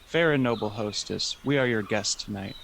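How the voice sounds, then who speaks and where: King Duncan, gravelly gracious monarch, acted by a man. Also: fairly low pitch, normal speed, fairly bright tone. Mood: gracious, warm. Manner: courtly, formal delivery. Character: gracious, trusting old Scottish king. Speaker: student actor. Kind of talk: amateur Shakespearean radio play acting. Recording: clear background noise with birdsong. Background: birdsong.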